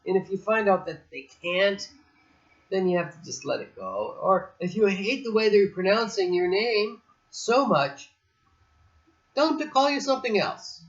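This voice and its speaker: A man's voice: high-pitched, expressive, unhurried, a bit bright. A man chatting casually on a beach, telling a story in a rambling, digressive way with many restarts. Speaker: host. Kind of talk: casual chat. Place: outdoors on a beach. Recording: dull lo-fi recording.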